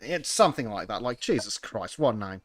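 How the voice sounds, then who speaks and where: A man's voice: on the low side, very animated, normal speed, a crowd in the background. A man co-hosting a podcast, chatting casually over a remote call, laughing often and swearing freely. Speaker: podcast co-host. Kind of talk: casual chat.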